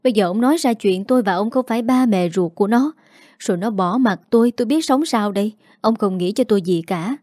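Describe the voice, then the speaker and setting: A woman voicing a quarrelsome, greedy middle-aged mother who scolds fast and sharply. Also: mid-range voice, warm tone, no room sound, studio quality, natural voice. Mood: angry scolding.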